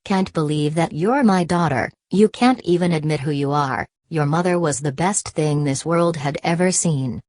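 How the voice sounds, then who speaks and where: Woman reading as a stern, low-voiced father. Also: moderate pace, hardly any pauses, a little mellow, no room sound, clean studio sound, lightly acted. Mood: stern, blaming. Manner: blaming, demanding. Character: stern, manipulative superhero father, middle-aged man. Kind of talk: audiobook character dialogue.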